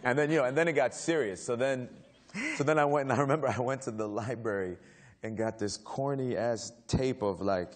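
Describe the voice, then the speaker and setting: A man on a panel telling a casual story to an audience. He talks haltingly, with many fillers and restarts, and laughs often. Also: mid-range voice. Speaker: actor on a panel. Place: stage before a live audience.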